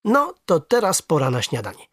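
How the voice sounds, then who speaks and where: Soft-spoken old granddad from a storybook, measured and dry-sounding, put on by the reader. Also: wildly swooping pitch, no echo. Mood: gently stern. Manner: quiet, low, measured. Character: calm, wise old grandfather.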